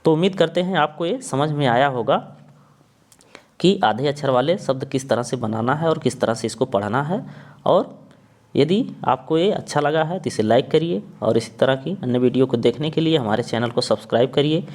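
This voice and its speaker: A man's voice: mid-range voice, expressive, darkish tone. A young man teaching a spelling lesson, sounding out words and spelling them letter by letter. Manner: spells out letters one by one, repeats words slowly.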